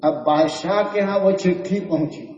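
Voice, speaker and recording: A man giving a sermon, telling an anecdote with lively acted-out dialogue and chuckles. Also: high-pitched. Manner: animated storytelling, acting out the dialogue, chuckling. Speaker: preacher. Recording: echoey hall, distant mic, dull sound.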